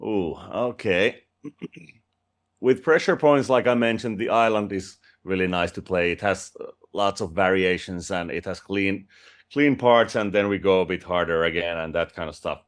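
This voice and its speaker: Deep-voiced and measured, a Finnish-born musician speaks English with a Finnish accent as an interview guest. The conversation is casual and friendly, with restarts and light laughs.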